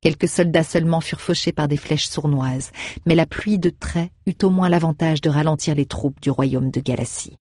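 A man reading a fantasy novel aloud in steady, measured narration. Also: fairly high pitch, no room sound, studio quality. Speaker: audiobook narrator. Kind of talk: audiobook narration.

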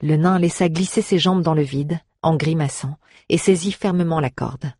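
An audiobook narrator reading a fantasy story in an even, measured way. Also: medium pitch, breathy edge, dry recording, studio quality. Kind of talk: scripted narration.

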